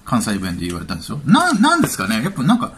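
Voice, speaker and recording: A man's voice: medium pitch, wildly swooping pitch, racing, a bit bright, slight background noise. A man giving casual spoken commentary as a YouTube commentator, chatty and offhand, thinking aloud.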